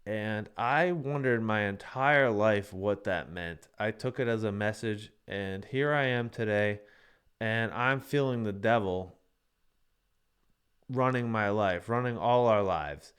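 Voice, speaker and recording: A man's voice: lowish voice, slow pace, fairly bright tone, clean tone. A man hosting a live-streamed show, talking casually and ranting in a heated, profane way. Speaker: livestream show host.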